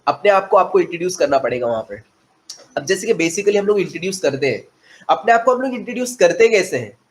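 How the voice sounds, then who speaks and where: A man from India teaching a spoken English lesson, explaining in Hindi, mixing in English phrases and spelling letters out slowly. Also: sits high, expressive, a little hiss or hum. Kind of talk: classroom lecture.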